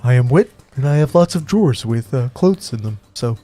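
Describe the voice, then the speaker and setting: A man voicing a gentle, polite minotaur knitter who keeps a tailor's stall in a tabletop game, speaking in an unhurried, earnest way, with music underneath. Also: mid-range voice, animated, close to an everyday voice.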